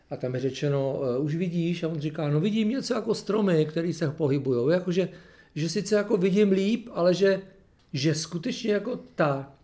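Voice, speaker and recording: A man's voice: fairly high pitch, dark tone. A man reading a gospel passage aloud and then reflecting on it in a casual, hesitant way with many fillers. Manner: plain, unhurried reading, then searching, hesitant talk with fillers. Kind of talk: Bible reading followed by personal reflection.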